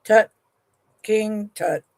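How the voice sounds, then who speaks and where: On a dry recording, a mid-range, creaky-voiced woman leisurely chats through a live-stream sale. Affectionate with her audience, she calls them sweetheart and honey, and her sentences often trail away and restart.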